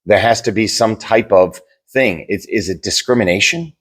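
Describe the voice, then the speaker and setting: Low-voiced rambling male podcast co-host. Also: normal speed, fairly bright tone. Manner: rambling, repeats words while searching for them. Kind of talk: casual debate chat.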